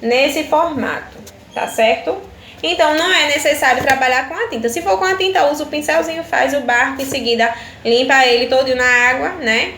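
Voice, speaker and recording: A woman's voice: high-pitched, fairly quick, fairly bright tone. A woman with a Brazilian Portuguese accent, a primary school teacher giving a recorded video lesson to children, explaining each step patiently and checking understanding often. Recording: echoey room with faint ambient noise.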